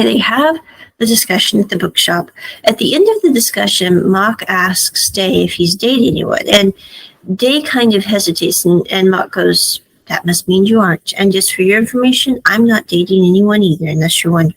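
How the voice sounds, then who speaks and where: A woman's voice: mid-range voice, expressive, moderate pace, husky, low-quality recording. A woman giving a chatty recap of a drama series, laughing often and acting out the characters' lines. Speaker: series reviewer. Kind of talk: casual recap and commentary.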